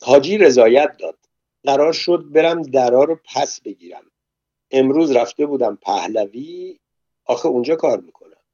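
A man's voice: medium pitch, dark tone, dry recording, lightly acted. A man reading aloud and voicing a shy, polite middle-aged man who speaks bashfully, in a dull lo-fi recording. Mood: sheepish.

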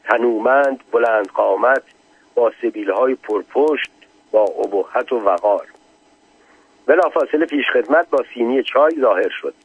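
A man narrating a memoir aloud in a steady, measured storytelling manner. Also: mid-range voice, husky, dry recording. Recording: tinny lo-fi phone-like recording.

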